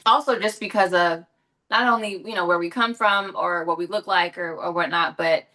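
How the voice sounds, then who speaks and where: Answering interview questions in a chatty way with many fillers and self-corrections, this young adult actress and guest from Los Angeles speaks at normal speed in a lowish voice with a sharp tone.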